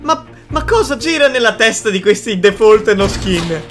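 High-pitched young man holding back laughter. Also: expressive, moderate pace, fairly bright tone, faint music behind. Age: 20s. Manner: trying not to laugh; playful mock sympathy, repeats phrases. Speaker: gaming video host. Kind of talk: casual reaction commentary on game clips. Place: indoor streaming setup.

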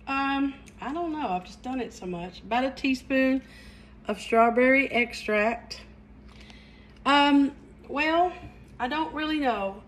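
A middle-aged woman with an Appalachian accent, from the mountains of Southeast Kentucky, hosts a live cooking stream from her home kitchen. She chats in a folksy way and says "y'all." Her voice sits high and she takes it slowly, with a little hiss or hum in the recording.

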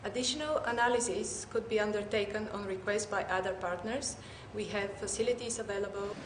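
A woman's voice: medium pitch, fairly quick. A woman giving a formal, informative presentation. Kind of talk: presentation voice-over. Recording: echoey room with hiss.

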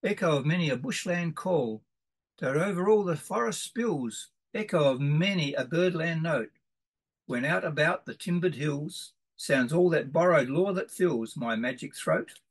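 A man's voice: on the high side, expressive, unhurried, husky. A middle-aged man, giving a homely, rambling introduction and reading poems aloud in a sing-song way. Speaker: presenter. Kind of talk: informal introduction with poetry read aloud.

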